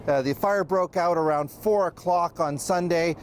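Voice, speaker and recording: Reporting live as a news correspondent, a man with a notably high voice speaks off the cuff and haltingly, hesitating and restarting often. Faint noise sits in the background.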